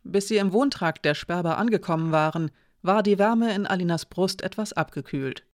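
An audiobook narrator reading a fantasy story in an even, clear storytelling manner. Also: medium pitch, moderate pace, no room sound, clean studio sound. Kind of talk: scripted narration.

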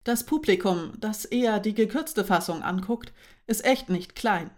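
A woman's voice: medium pitch, unhurried, a little mellow, close to an everyday voice. A woman voicing Anuka, an eager young friend explaining her ideas in a storybook reading. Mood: musing.

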